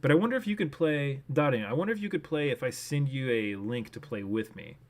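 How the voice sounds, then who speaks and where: A man's voice: medium pitch, lively intonation, a little fast. A young man casually thinking aloud while streaming a guessing game, rambling with many fillers.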